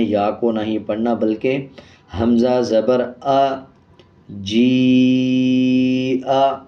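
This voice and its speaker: Man spelling out syllables in a slow lesson. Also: medium pitch. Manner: spells syllables slowly, then explains rules quickly and softly. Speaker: Quran reading teacher. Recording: slightly dull lo-fi sound.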